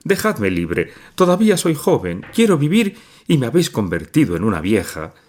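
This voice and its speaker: A man reading a storybook aloud and voicing a frightened middle-aged mother who speaks in a hurried, anxious way. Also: medium pitch, wildly swooping pitch, darkish tone, voice pushed up. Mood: sobbing. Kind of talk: audiobook reading.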